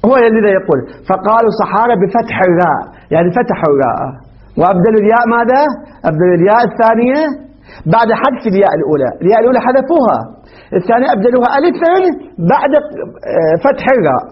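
Brisk high-voiced male teacher, lo-fi. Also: animated. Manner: quizzing, poses questions and answers them himself. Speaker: grammar teacher. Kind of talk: classroom lecture. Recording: dull lo-fi recording.

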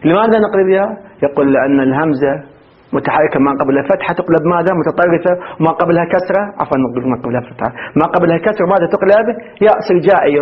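A man's voice: on the high side, rapid-fire, phone-quality sound. A man teaching a grammar lesson who asks his students questions and then answers them himself, often repeating and restarting his phrases. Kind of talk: grammar lecture.

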